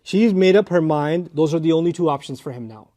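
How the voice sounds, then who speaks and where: Animated man teaching Quran grammar. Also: fairly high pitch, brisk. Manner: explains Arabic grammar, animated rises in emphasis. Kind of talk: tafsir lecture. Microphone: lapel mic.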